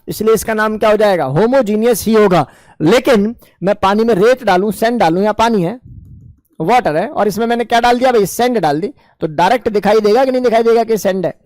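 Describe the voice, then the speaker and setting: In a dry recording, a man with a high-pitched, darkish voice gives a classroom chemistry lecture in Hindi sprinkled with English terms. Coaxing and affectionate, he puts questions to his students and then answers them himself.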